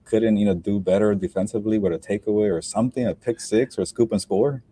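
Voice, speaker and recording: Young guy, deep mellow voice, rattling off fast post-game talk, lots of uh's, dry close sound. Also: husky, dry recording. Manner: relaxed and rambling, with many fillers and restarts. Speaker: sports beat reporter and podcast co-host. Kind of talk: casual post-game podcast chat. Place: inside a stadium, speaking quietly with people working around him.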